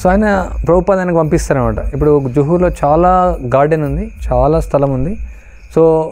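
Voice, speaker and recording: Man, devotional storytelling talk, slightly high pitch, warm mellow tone, mixes in English words. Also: moderate pace, faint music behind. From Andhra Pradesh. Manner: anecdotal, mixes English phrases, many fillers. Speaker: devotional speaker.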